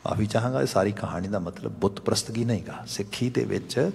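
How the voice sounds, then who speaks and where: A man giving a sermon in storytelling style, swinging between hushed low narration and rising emphatic questions. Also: quick pace, gravelly, breathy edge. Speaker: preacher giving katha. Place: gurdwara hall. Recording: hall reverb.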